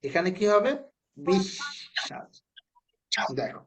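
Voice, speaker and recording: A man teaching a children's spelling class, with a slightly high voice. He speaks patiently and says each word slowly. He keeps asking the pupils to answer. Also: expressive. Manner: patient, repeats words slowly and asks the children questions.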